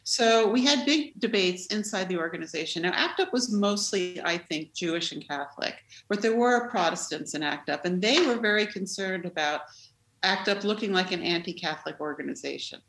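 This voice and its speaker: Woman interviewee, expressive storyteller, recorded in an echoey room. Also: on the low side, normal speed, slight background noise. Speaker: interviewee, former activist. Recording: roomy echo.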